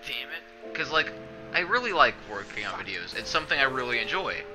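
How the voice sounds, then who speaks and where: Over background music and a rough recording, a young man livestreams from his small bedroom in a sing-song, mid-range voice at a fairly quick pace. He streams and edits videos, and here he rambles in a self-deprecating, sarcastic way with plenty of swearing.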